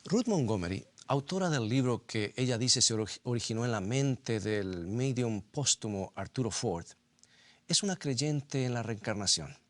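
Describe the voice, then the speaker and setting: A man preaching a sermon, asking rhetorical questions and slowly repeating scripture for emphasis. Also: medium pitch, animated, no echo.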